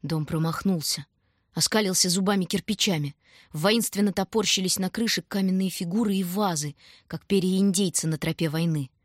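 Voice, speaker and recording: A woman with a lowish voice narrates an audiobook in a measured, even storytelling manner. The recording is dry and of studio quality.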